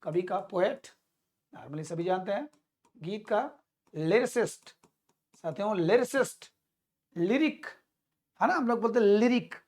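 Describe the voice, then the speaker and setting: A woman's voice: medium pitch, lively intonation, measured pace, pauses often, a little mellow. A woman teaching English vocabulary in a spoken lesson. She repeats each word several times and keeps addressing her listeners as companions.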